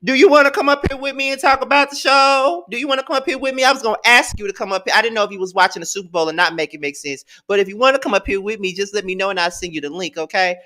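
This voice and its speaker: Guy in his 30s hosting a live stream, sassy and animated, bright voice. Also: sits high, rapid-fire, few pauses. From Mississippi, US. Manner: sassy, playful and animated, with loud whoops. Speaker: livestream host. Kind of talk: live-stream review chat.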